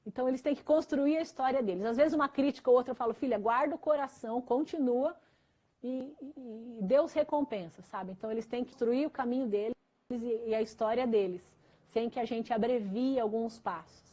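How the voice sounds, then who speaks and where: A woman's voice: on the high side, a little fast, mellow. A woman pastor with a Brazilian Portuguese accent, telling an earnest personal story in an interview, with many fillers. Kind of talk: testimony in a church interview.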